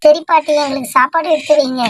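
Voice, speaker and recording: A woman's voice: sits high, steady tone, fast talker, slight background noise, lightly acted. Woman voicing a cheerful little cartoon boy. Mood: eager. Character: young boy, cheerful grandson, eager and polite.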